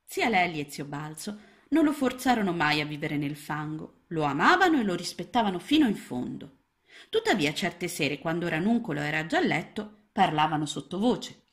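A woman narrating a children's story, reading in an expressive, lively storytelling manner. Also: fairly low pitch, normal speed.

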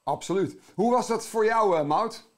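A man's voice: sits high, normal speed. A man hosting an interview, prompting his guests with encouraging questions. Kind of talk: interview host.

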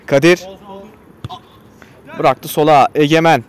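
A man's voice: a little high, takes it slowly, smooth. A man giving live football play-by-play in short, clipped phrases naming players, raising his voice for shots and goals. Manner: raises voice excitedly at shots and goals. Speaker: football commentator.

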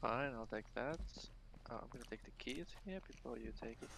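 A man's voice: mid-range voice, a little fast, creaky, a bit bright, rough recording. A man chatting and teasing his friend during a game, often breaking into laughter. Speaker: game player. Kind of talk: casual gaming banter.

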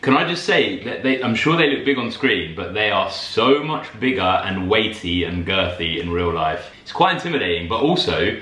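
Wry, low-voiced man. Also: sing-song, moderate pace, hardly any pauses, sharp tone. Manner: wry, joking. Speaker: host's partner and co-host. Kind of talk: casual chat on camera. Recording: echoey room, faint music.

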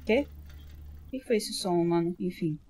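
A woman's voice: lowish voice, measured pace, warm tone, husky. A woman talks through a horror game as she plays it. She is jumpy, swears constantly and lets out startled yelps at every scare. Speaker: gamer streamer. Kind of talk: horror game let's play commentary.

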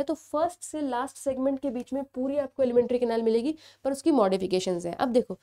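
A woman's voice: on the high side, dark tone. A young woman teaching an exam-prep biology lecture, explaining step by step, asking students questions and checking in often.

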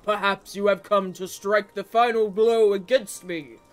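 A woman voicing a proud, distrustful giant male sea serpent with a slow, loud, booming delivery while reading game dialogue. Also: steady tone, soft background music, natural voice. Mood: suspicious.

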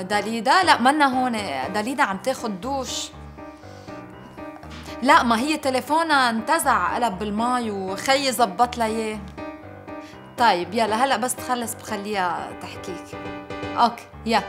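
An actress playing a calm, reassuring female friend with a Lebanese accent in a TV drama. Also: on the high side, natural voice. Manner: soothing, covering on the phone. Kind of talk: TV drama acting.

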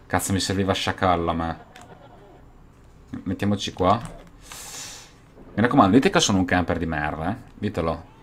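Young male gaming YouTuber, low voice, excitable, swears a lot, faint hiss. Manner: excitable, swears and bursts into shouting. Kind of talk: gameplay commentary.

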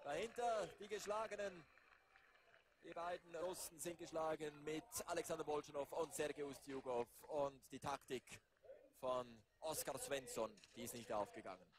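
A man doing live race commentary, building to excited calls near the finish. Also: a little high, moderate pace, crowd noise. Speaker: sports commentator.

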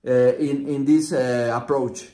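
A systemic consultant in his forties, a native Spanish speaker, walks through a consulting method at a whiteboard in a small room, pausing often and restarting his sentences amid many fillers. He sometimes plays out client dialogue in a warm, steady, mid-range voice. The recording echoes around the room.

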